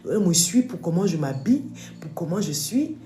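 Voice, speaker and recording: A woman's voice: lowish voice, sing-song, fairly quick, dark tone, a little hiss or hum. A woman giving a religious testimony, telling her story with animation and acting out the voices she heard. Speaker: testimony speaker. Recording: echoey room with faint music.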